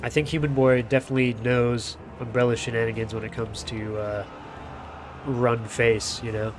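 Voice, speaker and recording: A man's voice: mid-range voice, level tone, moderate pace, background noise. Nasal, stuffed-up man casting a game. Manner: loose and chatty, swears casually, lots of fillers. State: blocked sinuses. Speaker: game caster and streamer. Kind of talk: casual play-by-play game commentary. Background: music playing.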